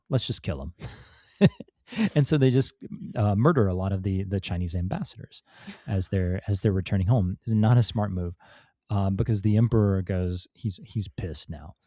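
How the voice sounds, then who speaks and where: Speaking at a moderate pace in a fairly low, dark voice, an author on a podcast tells a history story conversationally. The recording is dry and studio-clean; his talk rambles with frequent fillers and restarts and the occasional laugh.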